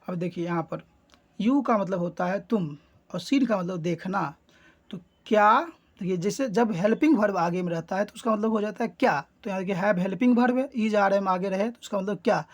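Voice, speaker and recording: A woman teaching English in Hindi, reading the English lines slowly and clearly and then explaining each word, often checking in with her listeners. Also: medium pitch. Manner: keeps checking in with "है ना" between explanations.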